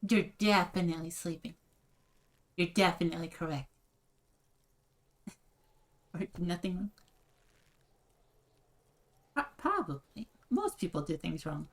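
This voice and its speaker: A woman's voice: on the low side, lively intonation, unhurried, pauses often. A young woman streaming a game, playfully chatting and reading game text aloud with frequent giggles. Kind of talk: game playthrough with commentary.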